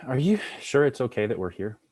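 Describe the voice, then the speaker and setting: A man's voice: medium pitch, big pitch swings, a little fast, darkish tone. A man reading the part of a cautious, mild-mannered young man with a hesitant delivery at a table read.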